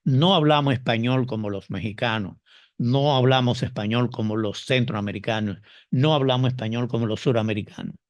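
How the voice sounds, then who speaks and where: A man from the Dominican Republic with a Dominican Spanish accent, explaining customs and the way his country speaks, slowly and deliberately, repeating examples. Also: medium pitch, no room sound, dull audio. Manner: slow, deliberate, stretches key words and repeats examples. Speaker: teacher explaining culture and dialect. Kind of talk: explanatory monologue.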